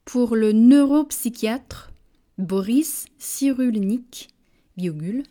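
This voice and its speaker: Woman, dictation reader, very slow and measured, warm mellow tone, repeats each phrase. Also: lively intonation. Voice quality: measured, deliberate, dropping low on punctuation words. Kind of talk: slow French dictation, each phrase read twice with punctuation spoken.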